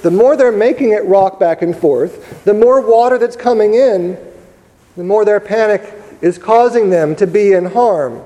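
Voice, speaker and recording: A man preaching a sermon in a church, telling the story in a conversational way with pauses and repeated words. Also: very high voice, dark tone. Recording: long reverb of a large church hall.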